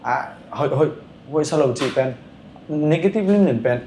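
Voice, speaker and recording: Fast-talking man in an echoey room. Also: a little high, lively intonation, warm tone. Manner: rapid, rambling storytelling with filler sounds. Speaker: podcast guest, dancer. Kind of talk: casual podcast chat. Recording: echoey room with faint ambient noise.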